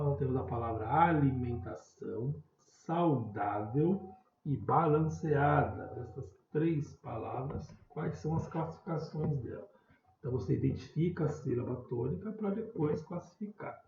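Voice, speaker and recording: Male teacher, patient, drawn-out example words, faint background hiss, muffled sound. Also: medium pitch. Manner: patient, repeats words slowly, calls out stressed syllables loudly. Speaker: primary school teacher. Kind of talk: recorded remote class explanation. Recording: roomy, dull home recording.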